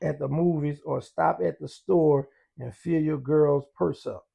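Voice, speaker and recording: A man's voice: a little high, steady tone, a little slow, warm tone. A middle-aged man talking casually as a podcast guest, using street slang and telling things with emphasis. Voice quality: gravelly, husky. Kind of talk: casual interview talk.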